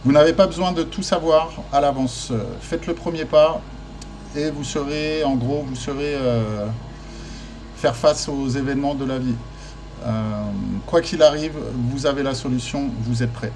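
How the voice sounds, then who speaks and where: A man's voice: mid-range voice, a little slow, darkish tone. A man giving a tarot card reading in casual, hesitant speech full of fillers and restarts, encouraging his listeners. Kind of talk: casual spoken guidance.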